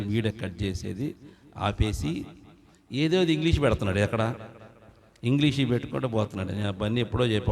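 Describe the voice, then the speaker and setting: Fervent preacher with wide pitch swings. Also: male voice, darkish tone. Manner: fervent, calls out hallelujahs, questions the congregation. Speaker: pastor. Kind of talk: sermon.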